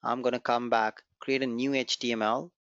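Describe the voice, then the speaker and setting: Flat in delivery but fairly bright, clear and resonant, this mid-range male voice moves at a moderate pace. He's a programming instructor whose first language is Gujarati, encouraging students in a live online coding class, repeating key points and stepping through the code. The recording is dry, dull and lo-fi, with no room sound.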